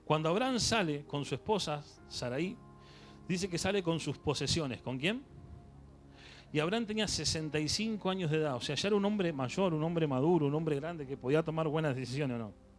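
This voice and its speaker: A man's voice: on the high side, fairly quick. Male preacher, Rioplatense accent, chatty sermon with call-and-response questions, faint music bed. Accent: Rioplatense Spanish. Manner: conversational, quizzes the congregation.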